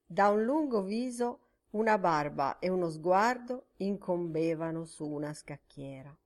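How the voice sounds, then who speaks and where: A woman narrating a literary novel as an audiobook in a measured, careful reading voice. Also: lowish voice, animated.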